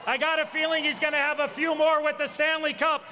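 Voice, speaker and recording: A man working as master of ceremonies at an outdoor championship rally, booming out introductions and drawing out each name he builds up to. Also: completely flat delivery, brisk. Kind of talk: rally announcing, drawn-out player introductions. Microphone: public address microphone. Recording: loud outdoor PA with crowd noise. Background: cheering crowd.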